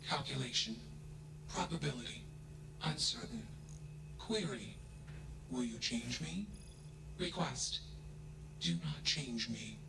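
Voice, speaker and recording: An actor voicing a flat, emotionless AI in a video game, speaking in clipped monotone statements that each start with a label word. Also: male voice, medium pitch, takes it slowly, gravelly, long pauses, low-quality recording. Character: flat emotionless AI, a thinking machine.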